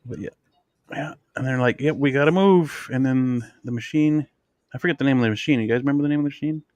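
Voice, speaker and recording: A man's voice: mid-range voice, fairly even intonation, fast, a little mellow, no room sound. A man co-hosting a casual reaction chat, talking eagerly and swearing casually. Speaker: show co-host.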